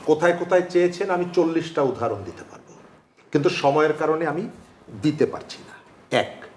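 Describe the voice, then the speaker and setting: A male talk show guest making measured, pointed arguments in a political debate, using rhetorical questions. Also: a little high, expressive, darkish tone, reverberant, a little hiss or hum.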